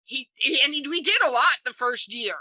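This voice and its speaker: A woman guest in a casual interview, telling lively stories about life aboard and laughing often. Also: sits high, moderate pace, no room sound, rough recording. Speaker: interview guest, full-time boat liver.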